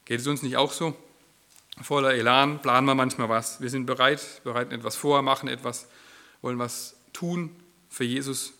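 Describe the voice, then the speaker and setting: A man's voice: mid-range voice, steady tone, normal speed, bright, forceful tone. A man preaching a sermon in church, acting out quoted lines with a shifting voice.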